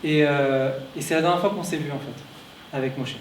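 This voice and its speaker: A man's voice: fairly high pitch, steady tone, moderate pace, slight background noise. Man telling a story in an echoey room. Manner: emotional, repetitive restarts. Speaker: conference speaker. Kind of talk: personal storytelling talk. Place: conference room at a clinic. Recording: echoey room, distant mic.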